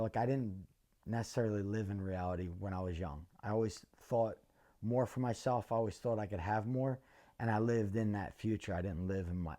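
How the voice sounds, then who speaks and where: A middle-aged man from North answers interview questions in a measured, earnest way, pausing often with ums. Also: low voice, dark tone. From North Philadelphia. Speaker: interviewee, former fighter.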